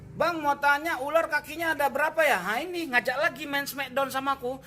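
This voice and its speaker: A man's voice: extremely high pitch, a little fast, bright, forceful tone, slight background noise. A man, a comedian in a comedic Q&A rant who answers viewer questions with exasperated, mock-angry scolding.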